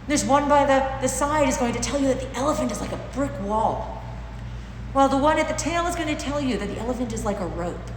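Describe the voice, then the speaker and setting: A woman's voice: high voice, expressive, brisk. Echoey, mask-muffled woman teaching. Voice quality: slightly muffled through a face mask. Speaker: dog trainer and class host. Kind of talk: informal teaching to camera. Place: large bare indoor training room with concrete-like floor. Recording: echoey hard-walled room, clear background noise.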